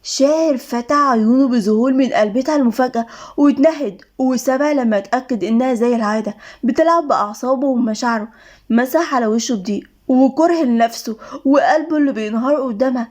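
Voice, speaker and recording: A woman with an Egyptian accent narrating a romance story in a steady, dramatic way. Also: high voice, fast. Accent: Egyptian Arabic.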